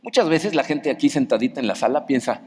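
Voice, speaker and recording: A man's voice: medium pitch, lively intonation, fast talker, darkish tone. A middle-aged man with a Mexican Spanish accent preaching a sermon in a conversational way, often asking the congregation questions. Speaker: pastor. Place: large church hall. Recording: long hall reverb.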